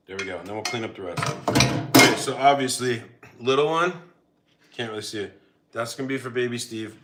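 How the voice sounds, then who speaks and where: A middle-aged man with a mid-range voice hosts a casual livestream from home while feeding his dogs. He reads the chat aloud and laughs easily, with background noise audible.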